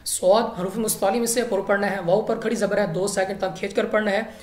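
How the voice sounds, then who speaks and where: A woman's voice: medium pitch, steady tone, a little fast, darkish tone. A woman teaching Quran recitation rules in a patient, step-by-step way. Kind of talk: recitation lesson. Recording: echoey room.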